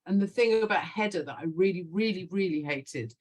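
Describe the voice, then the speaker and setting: A woman's voice: lowish voice, expressive, a little fast, darkish tone, low-quality recording. A middle-aged woman writer being interviewed, talking animatedly and laughing often. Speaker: guest writer. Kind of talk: conversational interview.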